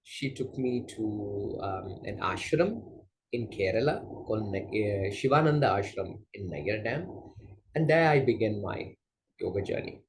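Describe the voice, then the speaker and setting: A man from Malaysia, a yoga teacher, answering interview questions in a gentle, unhurried way with soft fillers. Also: on the low side, lively intonation, slight background noise, poor audio. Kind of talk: casual interview conversation.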